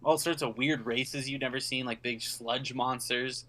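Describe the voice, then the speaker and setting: A man's voice: medium pitch, steady tone, a little slow, a bit bright. A man narrating as game master, describing scenes in a rambling way with many fillers.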